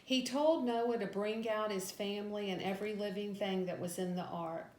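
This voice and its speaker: A woman's voice: mid-range voice, fairly even intonation, normal speed, a little mellow. A woman Sunday school teacher reads a scripted Bible story lesson aloud in a storytelling delivery. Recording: echoey room with background noise.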